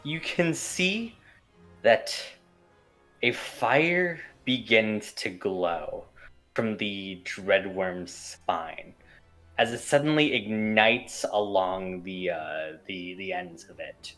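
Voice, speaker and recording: Expressive male game master. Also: lowish voice, drawn-out words, faint music behind. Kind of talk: narrating a tabletop game, improvised.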